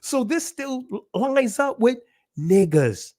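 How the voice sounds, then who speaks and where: A man's voice: very high-pitched, big pitch swings, takes it slowly, darkish tone. A man giving a casual religious teaching talk, emphatic and repetitive, often asking rhetorical questions and laughing between points. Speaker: channel presenter.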